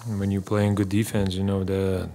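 This basketball player fields postgame questions in a low, flat voice, stumbling, repeating words and leaning on many fillers. A table mic in front of him captures it in a small press room, with slight background noise.

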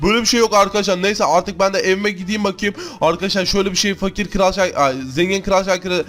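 A male gaming host commentating a Minecraft role-play, rattling along at breakneck speed in a high voice. He keeps calling out to viewers as his friends between lines of play. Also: steady tone, a bit bright, soft background music. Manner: rapid chatter, constantly addressing viewers as friends.

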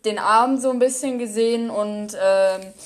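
A woman's voice: a little high, unhurried. Rambling, giggly woman reacting. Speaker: reaction video host. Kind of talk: casual reaction commentary.

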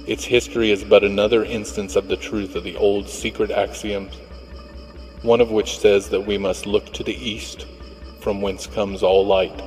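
A male reverend reading a doctrinal text aloud in a measured, formal way. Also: lowish voice, darkish tone. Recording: long hall reverb with faint music.

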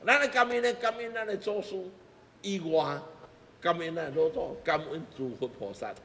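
A bright, forceful voice on the high side, moving at a moderate pace, belongs to a middle-aged man with a Taiwanese accent. He is a Buddhist master preaching emphatically in a temple hall to seated listeners, using rhetorical questions and repeated phrases. Echo, background music, and a little hiss or hum color the audio.

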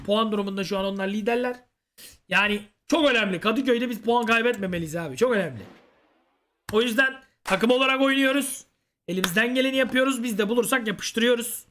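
A man hosts a football gaming video with casual play-by-play. His voice sits high and has a bright, tense edge. He calls plays in short slangy phrases, with faint noise behind him. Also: fast talker. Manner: slangy, chatty, names players in clipped phrases.

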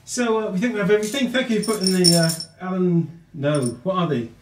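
A middle-aged man with a slightly raised pitch talks his way through a hands-on job, polite and chatty. His tone stays friendly and practical as he works things out aloud. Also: brisk, music in the background. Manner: polite, chatty, thinks aloud while working. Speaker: video channel host. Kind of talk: casual hands-on vlog chat. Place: indoor home rooms.

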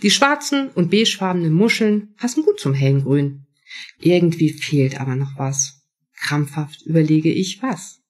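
A woman's voice: low voice, lively intonation, normal speed. A woman author reading first-person prose from her own novel at a live event.

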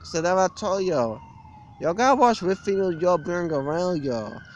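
Animated and high-pitched, a young gym vlogger gives an opinionated rant to camera at normal speed, blunt, repetitive and aggrieved. He's outside by a brick building on a street, caught on a phone or webcam at arm's length. The sound is lo-fi with slight background noise.

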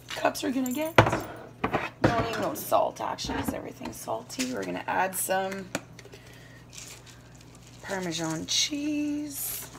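With heavy background noise and clear clatter of pans and dishes, a woman in her thirties speaks at medium pitch during a casual home cooking demo. She rambles and corrects herself as she goes, recorded on a phone camera in her kitchen.

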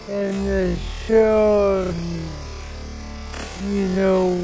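Slowed-down man giving baseball analysis. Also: high voice, poor audio. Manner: casual, praising the player. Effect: slowed-down playback. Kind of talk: post-game sports analysis. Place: TV studio desk.

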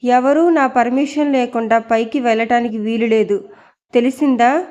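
Woman doing haughty spiteful young woman, scornful sharp tone, fairly high voice, dull lo-fi recording. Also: normal speed, close to an everyday voice.

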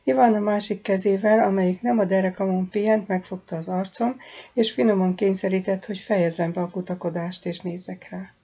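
A woman narrates a first-person audiobook in a soft, intimate, measured voice. Her tone is warm and mellow, with a gravelly fry and a husky edge. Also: mid-range voice, steady tone. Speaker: audiobook reader.

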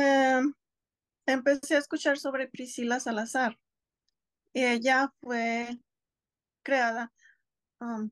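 Seated on a couch at home, a Mexican homeschooling mom in her thirties speaks on a video call in a casual interview conversation. She's thoughtful and hesitant, often restarting her words, and her fairly high voice is heard with no room sound.

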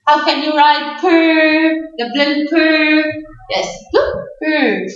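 A woman's voice: high voice, slow pace, soft background music. A woman with an Egyptian accent teaching a phonics lesson to young children, chanting sounds in a sing-song way and asking the class questions. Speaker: kindergarten English teacher. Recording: distant, echoey, dull classroom recording.

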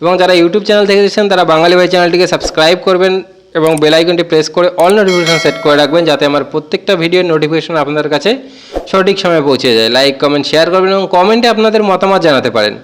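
A man hosting a casual spoken language lesson, slowly repeating and drawing out each word he teaches. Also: fairly high pitch, a little hiss or hum. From Bengal. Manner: slow, drawn-out repetition of taught words. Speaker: language teacher, channel host.

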